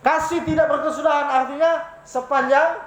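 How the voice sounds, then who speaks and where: A preacher giving an animated sermon, asking the congregation questions and answering them. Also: high voice, moderate pace. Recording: roomy, echoey room sound.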